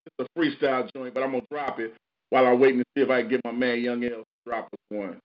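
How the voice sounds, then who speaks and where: A man's voice: medium pitch, steady tone, fast talker, muffled recording. A man hosting a casual call-in show, talking in laid-back, profane slang. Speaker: radio show host.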